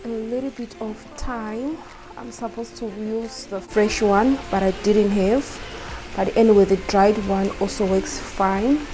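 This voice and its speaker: A young woman calmly narrating a casual cook-along, explaining each step to her viewers from her home kitchen. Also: mid-range voice, measured pace, over music, rough recording. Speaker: cooking vlogger. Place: home kitchen while cooking. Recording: loud frying sizzle behind voice.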